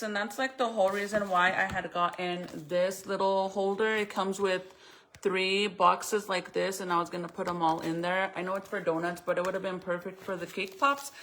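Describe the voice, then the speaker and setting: A woman vlogger with a bright, sharp voice and plenty of vocal fry talks casually to her viewers. She rambles informally as she thinks aloud, speaking with a retainer in her mouth. There is faint background noise. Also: lowish voice. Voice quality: speech slightly impeded by a retainer in her mouth. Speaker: vlogger showing crafts and baking. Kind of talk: casual chatty vlog to viewers.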